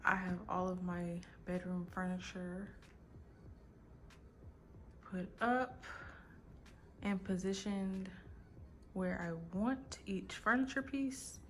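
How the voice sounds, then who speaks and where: A woman's voice: fairly low pitch, slow, long pauses, a little hiss or hum. A woman chatting casually to viewers as a vlogger, recorded at home. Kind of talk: casual vlog chat. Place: indoors at home, echoey apartment room. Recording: roomy echo, music behind.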